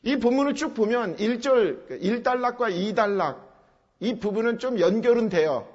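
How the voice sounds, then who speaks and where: A man's voice: extremely high pitch, moderate pace, darkish tone. A man preaching an expository sermon, explaining step by step and driving points home with emphatic repetition. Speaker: pastor. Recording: dull sound with long hall reverb.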